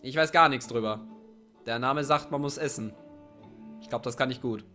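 A young man with a cold doing excitable let's play commentary on a game, with jumpy exclamations and self-mocking remarks. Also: mid-range voice, moderate pace, faint music behind. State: sick with a cold, coughing. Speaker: gaming YouTuber.

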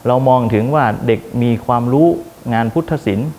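A man's voice: mid-range voice, brisk, warm tone, slight background noise. A man, a school administrator, explaining the school's subjects in a plain-spoken interview manner.

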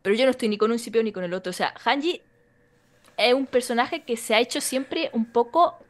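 A woman's voice: fairly high pitch, fairly quick. A woman who is a podcast guest, talking in casual chat and turning down ideas in a blunt, teasing way.

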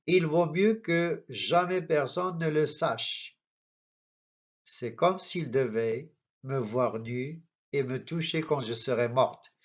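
A man reading the part of a frightened but proud young woman facing death, in a quiet, earnest voice. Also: on the high side, slow pace. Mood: resolute. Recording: dull lo-fi recording.

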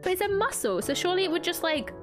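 A woman's voice: extremely high pitch, very animated, quick pace, over music. A young woman streaming a video game, chatting casually and breaking into frequent giggles and squeals. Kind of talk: casual gameplay commentary.

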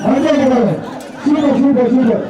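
A very high-pitched man calls the action through a loudspeaker PA, repeating short excited cries. His voice rings from far away across an open arena, bouncing with heavy echo. A roaring crowd and loud noise fill everything behind him. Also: normal speed. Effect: booming through a loudspeaker PA. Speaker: event announcer. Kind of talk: live bull-taming event commentary. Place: outdoor arena. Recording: echoey distant PA with a loud crowd.

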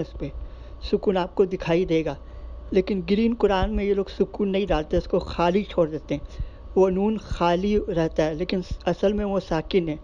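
A man teaching Quran reading, patiently explaining differences step by step and slowly drawing out the example words he recites. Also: high-pitched, warm tone. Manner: patient step-by-step explaining, addressing viewers directly. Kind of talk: explanatory tajweed lesson. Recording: dull lo-fi recording with faint noise.

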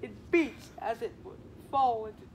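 A man's voice: sits high, expressive, measured pace, a little hiss or hum. A teenage boy playing a weary, teasing old woman nurse in a school Shakespeare reading, drawing out complaints about her aches. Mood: complaining. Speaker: student actor.

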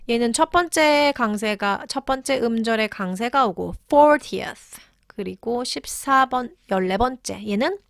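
A woman teaching English, patiently explaining and repeating key words slowly. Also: a little high, gravelly, a bit bright, no echo, studio quality. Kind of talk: explaining English lessons in Korean.

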